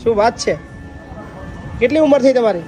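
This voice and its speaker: High-voiced man reassuring elderly women. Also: expressive, normal speed, dark tone, faint music behind. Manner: reassuring, repeats questions back. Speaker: old-age home organizer and vlogger. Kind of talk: casual interview.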